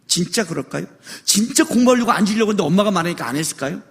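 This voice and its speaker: A man's voice: high-pitched, animated, very fast. A middle-aged man preaching a sermon as a pastor, full of rhetorical questions and acted-out bits of dialogue.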